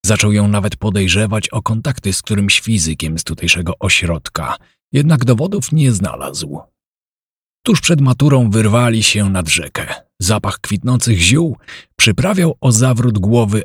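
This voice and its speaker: A man's voice: fairly low pitch, animated, measured pace, husky, no room sound, clean studio sound. A man narrating a story as an audiobook, reading both characters' dialogue with mild shifts in voice.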